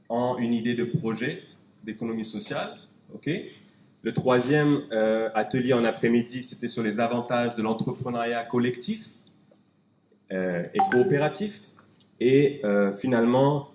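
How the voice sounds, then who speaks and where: A Canadian man with a medium-pitched, darkish voice gives a conference presentation, talking through his slides with many fillers and restarts. The recording from the conference hall is echoey, with faint background noise.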